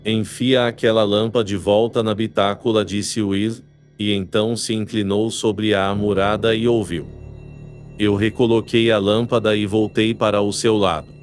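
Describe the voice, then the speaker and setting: Male audiobook narrator with a low voice, measured and even, soft music faintly underneath. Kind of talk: scripted narration.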